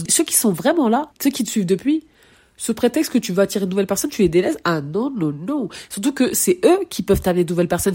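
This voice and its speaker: A young woman hosting a casual solo podcast on branding, bubbly and excitable, dropping English phrases into her talk. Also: mid-range voice, breathy edge.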